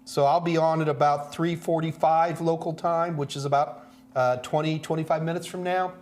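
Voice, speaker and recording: A man from the Houston, Texas area hosts a casual live Q&A stream, chatting in a folksy, joking way. His voice is fairly high and steady at a moderate pace, and the clear recording carries background noise with a hum.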